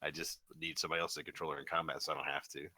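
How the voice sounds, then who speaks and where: A man's voice: extremely low pitch, little pitch movement, rapid-fire, bright, forceful tone. A young man running a tabletop game as game master, with wry, easygoing rulings.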